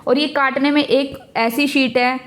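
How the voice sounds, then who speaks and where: A woman's voice: high-pitched, fairly even intonation, unhurried, fairly bright tone. A young woman teaching exam current affairs in a casual, chatty way, mixing English words into her talk and speaking straight to her students. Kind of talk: casual lesson with memory tricks.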